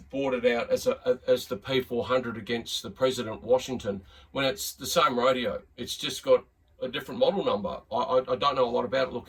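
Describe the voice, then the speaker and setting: An Australian man, a radio hobbyist presenting a video, gives a casual, unscripted demonstration in a rambling, hesitant, laid-back way. His voice is mid-range and fairly bright with a breathy edge. The mic is distant and the room sound slightly muddy.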